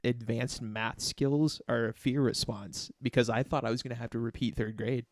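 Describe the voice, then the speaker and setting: A man's voice: medium pitch, fairly even intonation, moderate pace, no room sound, clean studio sound. A man co-hosting a casual podcast, explaining himself earnestly and carefully, with many fillers and restarts. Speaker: podcast co-host.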